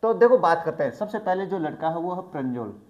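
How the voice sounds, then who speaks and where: A male teacher from Rajasthan, explaining an English lesson in a lively way, asking questions and acting out vendor calls. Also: fairly high pitch, fairly quick, highs cut off. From Rajasthan, India. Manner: lively, asks the class questions and acts out street vendor calls. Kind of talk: bilingual classroom explanation of an English chapter.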